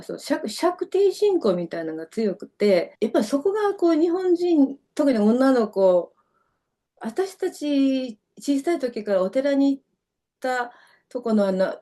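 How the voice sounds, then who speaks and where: A woman's voice: a little high, dark tone. A middle-aged woman from Kyoto with a Kansai accent, a dancer chatting as an interview guest and telling long, rambling stories full of fillers. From Kyoto, Japan. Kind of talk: casual interview chat.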